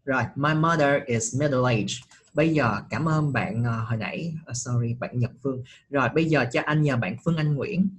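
Husky-voiced male teacher. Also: mid-range voice, moderate pace. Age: middle-aged. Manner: patient, checks often with rising questions. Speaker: English teacher. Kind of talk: online English class.

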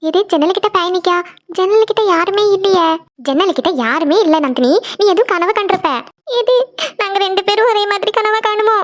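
A woman voicing squeaky scared cartoon girls. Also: fairly quick. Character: scared young girls and a scolding older sister. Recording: dull lo-fi sound.

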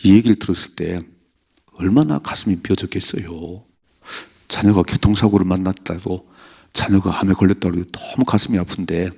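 Gravelly, husky-voiced Korean man preaching. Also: low-pitched, darkish tone. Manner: emphatic, acts out prayers and rebukes. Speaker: pastor. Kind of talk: dawn prayer sermon.

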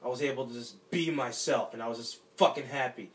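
A young actor playing a lonely, heartbroken man, talking haltingly in despair and trailing off into mumbles. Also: mid-range voice, distant mic, close to an everyday voice. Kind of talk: short film drama monologue.

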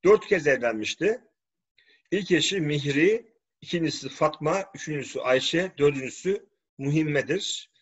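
A man's voice: a little high, lively intonation, normal speed, husky. A man delivering a preachy, scornful religious-political commentary monologue. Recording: dull lo-fi recording.

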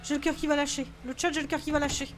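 High-pitched woman, jumpy horror-game streamer, tense and cursing, noise under the voice. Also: little pitch movement, rapid-fire. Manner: jumpy, swearing then apologizing. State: frightened, tense. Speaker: gaming streamer. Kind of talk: horror game let's play.

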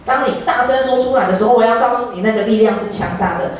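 A woman's voice: on the high side, fast talker. A woman with a Taiwanese Mandarin accent preaching a sermon, earnest and encouraging toward her congregation. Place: church sanctuary. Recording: echoey church hall, distant mic, faint noise.

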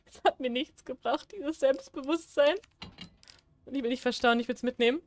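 A woman with a bright, high voice gives running commentary on a horror game. She talks straight to the characters on screen, sometimes shrieking and sometimes muttering to herself. A faint noise sits under the recording. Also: normal speed. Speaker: gaming streamer. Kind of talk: casual Let's Play commentary.

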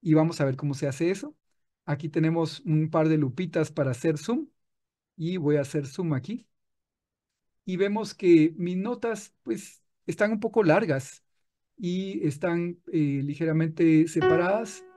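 A man with a fairly high voice talks a little slowly as he teaches music software through a screen-recorded tutorial. He is patient, goes step by step, and restarts often.

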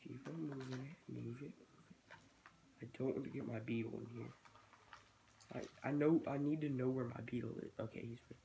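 A teenage boy stuffed up with a cold rambles casually about reptile keeping while working in his small bedroom, thinking aloud for his vlog. His mid-range, warm, creaky voice holds a steady tone and runs a little fast, broken by long pauses. It's captured on a noisy home webcam.

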